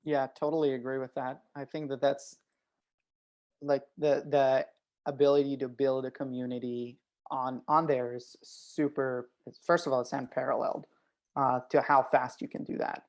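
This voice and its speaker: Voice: medium pitch, flat delivery, moderate pace, a little mellow. Hesitant guest, muffled call audio. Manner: hesitant, many ums and uhs. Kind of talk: casual webinar discussion.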